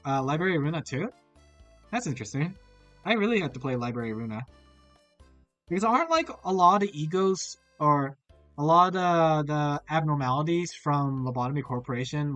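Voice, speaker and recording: Over a portable laptop streaming rig, this streamer rambles curiously and asks question after question. The voice is mid-range and fairly bright, recorded dry and close with no room sound. The mic audio is crunchy and bitcrushed, with faint background music.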